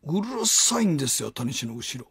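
A man's voice: a little high, big pitch swings, normal speed, gravelly, fairly bright tone, slightly rough, dry recording, studio quality. A man with a Kansai accent, hosting a radio-style ghost story chat and acting out sounds and voices as he tells them. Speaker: radio host.

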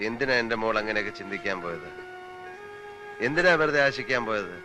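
A man's voice: fairly low pitch, animated, fairly quick, music in the background, natural voice. An actor playing a devoted young man in a film scene, pleading earnestly and tenderly. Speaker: film character. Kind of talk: 1990s film acting.

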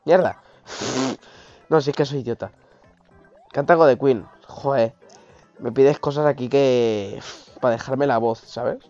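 A man, hoarse from a cold, giving excitable live gameplay commentary, swearing and yelping at mishaps. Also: mid-range voice, a little slow, long pauses. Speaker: streamer. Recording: dull lo-fi stream audio with game music.

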